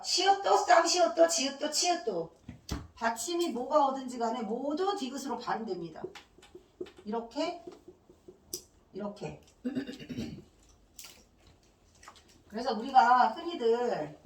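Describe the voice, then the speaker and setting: A woman's voice: on the high side, slight background noise. A woman teacher giving a classroom grammar lecture, asking questions and answering them herself and drilling letters one by one. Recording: echoey room, mic at a distance.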